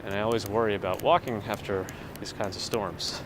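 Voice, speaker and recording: Fairly low-pitched and fairly quick, a New Yorker hosts a casual live-stream walking tour outdoors on a city street in winter, chatting with viewers along the way. Audio comes from a phone mic on a gimbal, with street and traffic sounds clearly audible.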